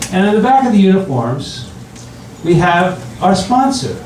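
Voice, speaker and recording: An older man performing stand-up comedy in front of an audience, telling stories with halting restarts and repeated phrases. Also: high-pitched, big pitch swings, darkish tone. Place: room with an audience, recorded from a distance. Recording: roomy, distant mic, very noisy.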